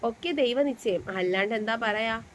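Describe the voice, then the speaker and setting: A soft-spoken young heroine with a steely resolve under her calm words, voiced by a woman storyteller. Her voice is fairly high, with a light hiss of noise behind. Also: moderate pace, natural voice. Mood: resolute. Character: young woman, determined, secretly vengeful heroine.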